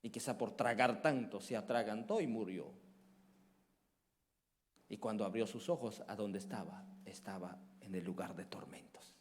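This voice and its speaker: A male evangelist preaching a sermon with passion, dropping to hushed murmurs and then rising to loud cries, often putting questions to the congregation. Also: on the low side, normal speed.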